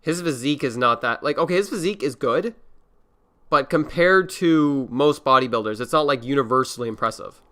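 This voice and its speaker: A man's voice: medium pitch, a little fast, fairly bright tone. A man hosting a casual reaction livestream, talking in a loose, slangy and scornful way with a lot of laughing. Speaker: livestream host. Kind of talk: casual reaction stream chat.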